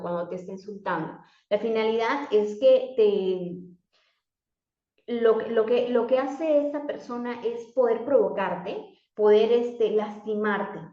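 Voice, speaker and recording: A woman speaks as a motivational coach, answering questions she puts to herself by name and often restarting her sentences. Her voice sits a little high. The sound is muffled and echoes around the room. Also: mellow. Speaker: life coach. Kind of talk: motivational talk to the viewer.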